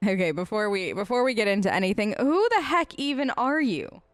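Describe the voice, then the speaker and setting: A woman hosts a let's play, improvising sarcastic in-character replies in a conversational role-play. Her mid-range voice is sing-song and brisk, recorded on a close mic with no room sound.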